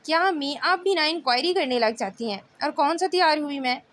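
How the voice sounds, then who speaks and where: A woman's voice: high voice, animated, a little fast, fairly bright tone, a little hiss or hum. A woman reading the lines of a headstrong young woman who impatiently brushes off her mother, in an audiobook novel. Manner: impatient, dismissive.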